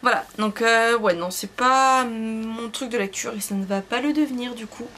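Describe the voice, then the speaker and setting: A young woman reviewing books in a casual vlog, rambling and hesitant, full of fillers and self-corrections, and quick to poke fun at herself. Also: on the high side, bright, forceful tone, slight background noise. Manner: self-deprecating, laughs at herself. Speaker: book vlogger.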